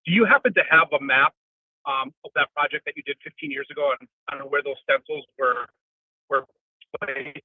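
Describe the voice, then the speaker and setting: A man joining a public meeting remotely on a video call whose audio freezes and cuts out, talking in a halting way and repeating words. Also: fairly high pitch, slightly rough, dry recording. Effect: choppy video-call audio that freezes and cuts out. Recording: dry, tinny phone-like call audio.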